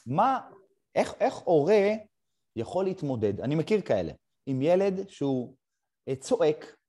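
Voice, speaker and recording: A middle-aged man hosting a conversation and telling a personal story, haltingly, with short pauses. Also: a little high, very animated, dark tone. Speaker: podcast host. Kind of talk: casual conversation.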